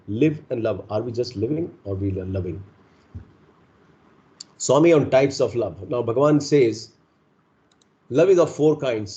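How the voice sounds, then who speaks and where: A dull, slightly muffled recording of a man with an Indian accent giving a devotional talk. His voice is soft-edged and mellow, at an ordinary male pitch. He teaches earnestly, putting rhetorical questions to his listeners as a spiritual guide would. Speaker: spiritual speaker leading a satsang. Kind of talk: devotional discourse to a congregation.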